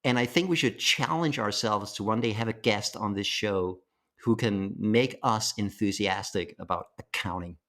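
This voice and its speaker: A man's voice: fairly low pitch, moderate pace, fairly bright tone. A man co-hosting a podcast with an American accent, telling stories in a playful, enthusiastic way. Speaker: podcast co-host. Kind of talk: casual podcast chat.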